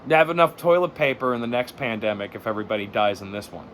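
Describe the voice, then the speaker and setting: A man's voice: mid-range voice, lively intonation, fast talker, a bit bright, slight background noise. A man in his thirties hosting a podcast, ranting in a profane, sardonic, rambling way and laughing at his own jokes. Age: 30s. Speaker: podcast host. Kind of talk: comedic rant.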